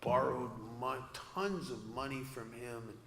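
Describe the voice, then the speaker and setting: Speaking a little slowly in a gravelly, fairly bright mid-range voice, a man at a recovery convention gives an earnest, confessional talk about his own recovery, with humor at his own expense. The echoey hall carries long reverb, and there's a faint hiss or hum.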